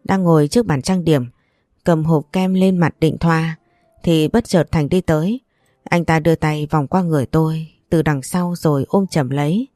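A woman narrating a first-person audio story in a steady, even storytelling manner. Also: low voice, normal speed, dry recording, clean studio sound. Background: faint background music.

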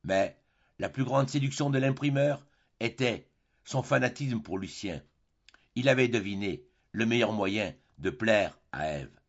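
A man reads a classic novel aloud in a steady, phrase-by-phrase manner. His voice is gravelly and somewhat husky. The recording sounds dull and lo-fi. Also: on the low side, unhurried. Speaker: audiobook narrator. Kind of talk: scripted classic-novel narration.

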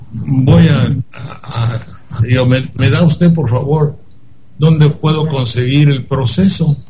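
A man's voice: mid-range voice, darkish tone, a little hiss or hum, rough recording. An older man, a radio commentator telling a digressive story and acting out the dialogue.

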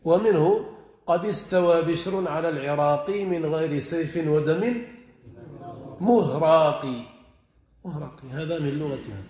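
A man with a slightly high voice gives a classroom lecture as a sheikh, drawing out key word forms and tossing questions to his students. The sound is dull and lo-fi, with plenty of room echo around him. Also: measured pace, pauses often. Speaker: sheikh teaching Arabic morphology.

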